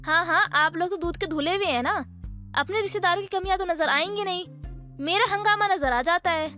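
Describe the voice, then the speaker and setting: Combative young daughter-in-law, piercing high voice, light music behind. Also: female voice, a little fast, pushed and bright. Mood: angry. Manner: shrill, combative, taunting. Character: quarrelsome young daughter-in-law who makes scenes. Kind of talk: animated cartoon voice acting.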